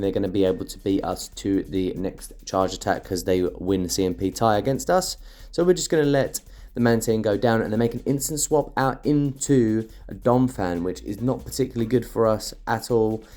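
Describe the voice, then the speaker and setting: Fast-talking man ranting over gameplay. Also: lowish voice, a little mellow. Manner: rapid, ranting when annoyed. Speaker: gaming commentator. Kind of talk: gameplay commentary.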